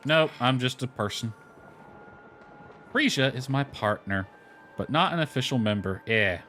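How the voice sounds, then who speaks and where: A man with a mid-range voice that sounds pushed and bright comments on his own game playthrough, speaking expressively and a little slowly. He reads dialogue aloud and tosses in offhand asides, with lo-fi music playing behind him.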